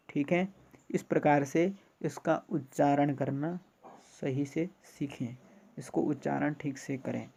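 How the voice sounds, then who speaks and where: A man teaching Sanskrit in a slow recorded lesson, patiently saying each word aloud for his pupils to repeat. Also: fairly high pitch, gravelly, mellow. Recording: dull lo-fi recording.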